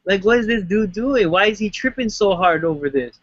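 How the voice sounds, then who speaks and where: A man's voice: high voice, lively intonation, a little fast, no echo, muffled recording. A man in a casual podcast chat, blunt and swearing freely.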